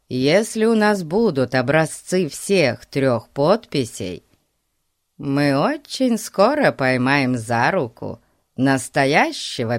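A woman's voice: extremely low pitch, dry recording, clean studio sound, full character voice. A woman voicing a clever, confident boy in a storybook who explains his plans with self-assurance.

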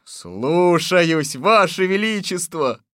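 A man voicing an eager, servile male palace servant who answers in loud, dutiful replies. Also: sits high, expressive, slow pace, smooth, no room sound, studio quality, voice pushed up, exaggerated voice.

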